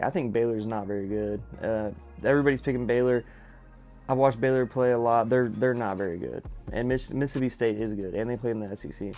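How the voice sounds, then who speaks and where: A young man, casually running through his picks in a relaxed, repetitive vlog chat. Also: medium pitch. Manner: laid-back, drawling, repeats himself, filler words. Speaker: fragrance vlogger.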